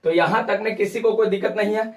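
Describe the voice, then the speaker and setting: High-voiced teacher quizzing a class. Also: male voice, steady tone, quick pace. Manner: questioning, repeats terms for students to echo. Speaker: physics teacher. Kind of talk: classroom lecture with call-and-response. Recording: echoey room, mic far off.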